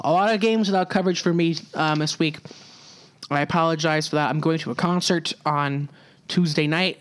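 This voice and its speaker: A young man hosting his own solo hockey podcast, talking casually and throwing in sarcastic asides. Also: fairly high pitch. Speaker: podcast host.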